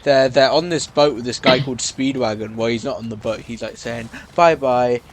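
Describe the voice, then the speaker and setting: A man's voice: mid-range voice, fairly even intonation, fairly quick, a little hiss or hum. Rambling man recapping a story. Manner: rambling, full of fillers and restarts, slips into silly quoted voices. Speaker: podcast co-host. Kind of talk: casual chat, recapping a story.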